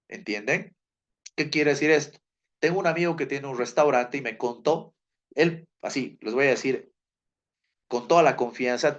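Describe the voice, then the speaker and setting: A man giving a classroom lecture, telling a story and acting out the people in it, repeating his key points. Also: mid-range voice. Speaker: teacher.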